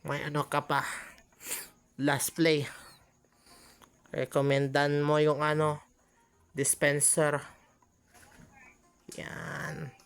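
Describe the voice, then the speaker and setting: A woman's voice: low voice, completely flat delivery, very slow, gravelly, long pauses, smooth. A woman giving chatty gameplay commentary, often exclaiming and laughing at her own mistakes. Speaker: gaming channel host.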